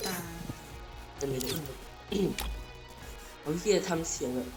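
A man with a slightly high voice chats through his match in loose, excitable commentary, cursing casually and calling out to his viewers. Game music plays clearly behind him. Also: very slow. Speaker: gaming channel host.

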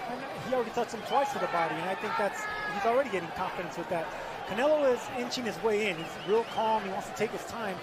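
A man's voice: high voice, fast talker. A man giving conversational live fight analysis as a boxing analyst. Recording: loud arena crowd noise. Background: roaring crowd.

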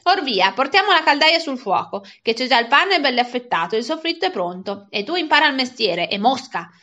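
A woman's voice: sits high, big pitch swings, fairly quick, bright, forceful tone, heavily acted. A woman reading aloud and voicing a crafty, bossy male school cook who scolds his helper. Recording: dull lo-fi recording.

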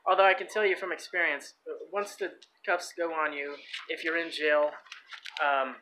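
A man with a bright, forceful tone and a slightly high pitch reads a text aloud and then explains it casually. He pauses often, restarts phrases and leans on fillers. A faint hiss of noise sits behind his voice. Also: steady tone, low-quality recording. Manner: halting, many fillers and restarts while explaining. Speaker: host. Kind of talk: reading aloud and commenting.

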